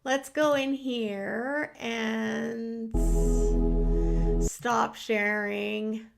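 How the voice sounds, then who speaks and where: A woman hosting a tarot livestream, chatting casually with viewers, excitable and giggly, on a computer mic. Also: on the high side, drawn-out words, gravelly, loud music behind the voice. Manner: excitable and giggly, with bursts of enthusiasm. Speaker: host of a tarot livestream show. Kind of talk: casual chat with live viewers.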